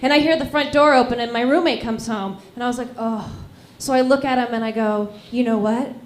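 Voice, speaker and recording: Brash high-voiced woman doing stand-up. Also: fairly even intonation, fast, reverberant. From Reno and Las Vegas, USA. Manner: brash storytelling with acted-out asides. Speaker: comedian. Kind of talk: stand-up comedy.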